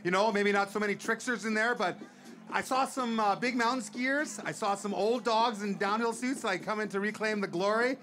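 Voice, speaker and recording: An excitable man in his forties, talking casually as a guest at an outdoor ski event and working up the crowd. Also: sits high, moderate pace, a little hiss or hum. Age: 40s. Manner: hyped up, excitable. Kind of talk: casual live event chat.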